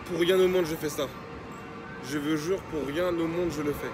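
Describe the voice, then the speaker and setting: A man's voice: on the high side, fairly even intonation, normal speed. A man, chatting casually in slang, exclaiming and repeating himself. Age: 20s. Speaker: vlogger. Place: outdoors at a busy funfair. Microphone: phone at arm's length. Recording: noisy outdoor fairground with crowd.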